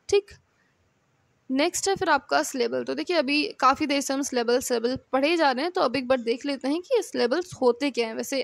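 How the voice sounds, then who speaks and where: High-voiced woman teaching in a dry room. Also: no echo. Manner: mixes Hindi and English, reads English definitions slowly. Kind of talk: explanatory lecture.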